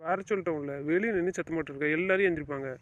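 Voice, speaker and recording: An actor playing a stern, protective young husband and brother who gives short orders. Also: male voice, fairly high pitch, lo-fi sound, natural voice. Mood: firm. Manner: brisk, bossy, gives orders. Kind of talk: family web-series drama acting.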